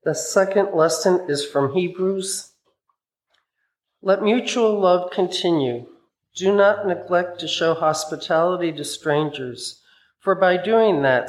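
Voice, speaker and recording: A man serving as a church reader, reading a scripture lesson aloud. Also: fairly high pitch. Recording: echoey church.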